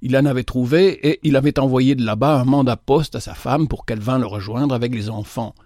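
A man narrating a story in the first person, measured and expressive. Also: mid-range voice, no room sound, studio quality. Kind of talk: storybook reading.

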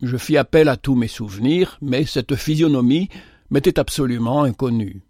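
A man narrating a story in the first person, measured and expressive. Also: mid-range voice, no echo, clean studio sound. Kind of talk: storybook reading.

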